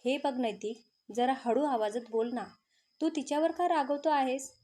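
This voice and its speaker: A calm young male student reassures his friend, as a woman storyteller reads his lines. His manner stays gentle and caring, and the voice sits high. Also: moderate pace, natural voice.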